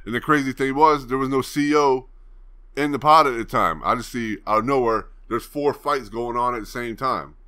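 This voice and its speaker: A man's voice: mid-range voice, normal speed, sharp tone. A young man from Virginia, hosting his channel, telling a story in a laid-back, rambling way and swearing freely. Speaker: channel host. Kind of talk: casual storytelling to camera.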